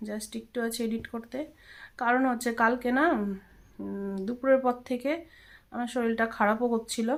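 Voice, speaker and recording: A woman's voice: a little high, rough recording. A woman in her thirties from Bengal chatting casually through her home vlog as she explains her chores. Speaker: vlogger. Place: home kitchen and bedroom.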